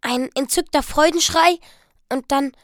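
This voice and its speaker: Woman reading a story aloud, calm measured delivery, slightly high voice, dry close sound. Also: no room sound. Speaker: narrator.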